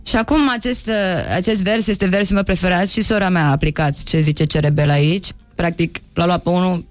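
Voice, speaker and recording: A woman's voice: lowish voice, fairly even intonation, no room sound. A woman in casual chat who keeps breaking into song lyrics and picking them apart with playful humor, with music in the background. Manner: chatty, playful, sings along and analyzes.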